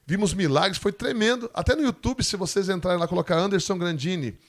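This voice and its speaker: A Brazilian man with a Brazilian Portuguese accent telling a lively missionary testimony, laughing as he tells it and acting out the people in the story. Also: sits high, fast. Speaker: missionary guest speaker.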